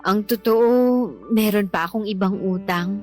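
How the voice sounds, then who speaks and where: An actress plays a whining, argumentative live-in girlfriend, defensive and quick to get irritated, in a Tagalog radio drama. Her natural voice is medium-pitched, a little mellow and fairly even in intonation, at a moderate pace, and she confesses uneasily as dramatic music plays underneath.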